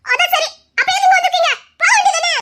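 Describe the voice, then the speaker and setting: A woman playing a high, sulky, sharp-tongued young woman. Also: animated, quick pace, full character voice. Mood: shooing. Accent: Tamil. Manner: scolding, sulky, flaring into threats. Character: teary, sharp-tongued young woman sulking over love. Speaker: young woman in a romantic web drama. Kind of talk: comic romance skit acting.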